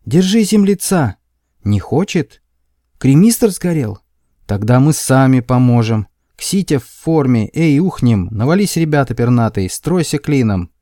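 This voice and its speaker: A rowdy mob of winged alien extremists, as a man puts them on, shouting high-pitched jeering chants. The voice is dark in tone, and the recording is dry. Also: big pitch swings, a little slow, dry recording.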